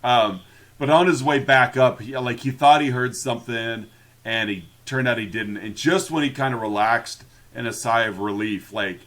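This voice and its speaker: A man at a middle pitch chats loosely as a podcast co-host. He recaps a film with frequent laughs and mocks the characters by quoting them. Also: moderate pace, fairly bright tone. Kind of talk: casual chat recapping a film.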